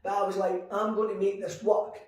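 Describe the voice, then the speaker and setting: A man in his forties telling his story in an interview, animated and acting out quoted conversations. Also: sits high, a little fast. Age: 40s. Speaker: guest entrepreneur. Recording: echoey room, mic at a distance.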